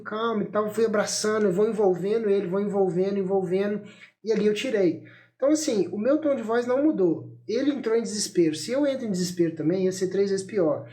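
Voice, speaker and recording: A man in his thirties hosting a parenting podcast, talking calmly and reflectively in a loose conversational way, with frequent fillers and restarts, recorded on a phone. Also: sits high. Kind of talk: reflective solo podcast talk. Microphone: phone held up while talking.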